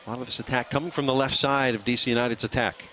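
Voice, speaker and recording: A man's voice: mid-range voice, fairly even intonation, bright, forceful tone, slight background noise. Man calling soccer play-by-play. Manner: brisk, calls player names in short bursts. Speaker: play-by-play commentator. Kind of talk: live soccer commentary.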